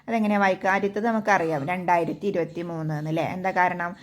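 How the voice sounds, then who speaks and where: A woman's voice: on the low side, fairly even intonation, quick pace. A woman with a Kerala Malayalam accent teaching a children's textbook maths lesson, patiently asking questions and answering them herself. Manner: asks and answers her own questions, patient.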